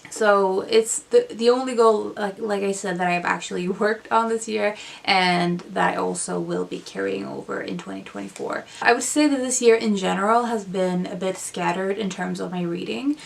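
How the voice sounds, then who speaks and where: Here the book vlogger, a young woman whose native language is Swedish, speaks at a normal pace in a steady, medium-pitched voice with vocal fry and few pauses. She's recorded from a distance in her small bookshelf-lined room, musing casually about what she reads, often saying um and correcting herself.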